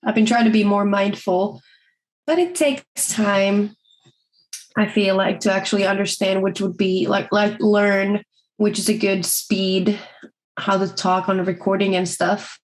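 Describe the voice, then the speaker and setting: A young adult woman co-hosting a podcast, talking fast and a little mumbled in casual, self-deprecating chat. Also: mid-range voice, steady tone, poor audio. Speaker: podcast co-host.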